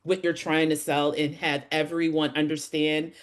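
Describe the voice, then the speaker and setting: A woman sales rep telling stories with lively expression on a webinar panel over a video call. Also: sits low, moderate pace.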